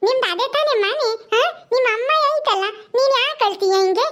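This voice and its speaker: A simple, childlike village woman, as a woman puts her on, with a very high, thin voice. She talks slowly and soothingly and repeats herself as she comforts someone. This is a homespun village comedy skit. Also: animated, a bit bright. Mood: soothing, pleading.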